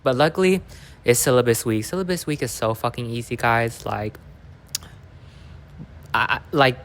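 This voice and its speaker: A woman's voice: extremely low pitch, normal speed. A young adult woman hosting a casual, chatty podcast at home, rambling and interrupting herself with lots of slang in an echoey room. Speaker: podcast host. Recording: echoey, sparsely furnished room.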